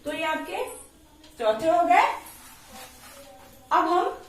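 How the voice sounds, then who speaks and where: A woman school teacher giving a recorded lesson for children, slowly repeating each word and answer. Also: very high voice, sing-song, a little hiss or hum. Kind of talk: slow recorded Hindi class lesson. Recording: very echoey room, voice from far off.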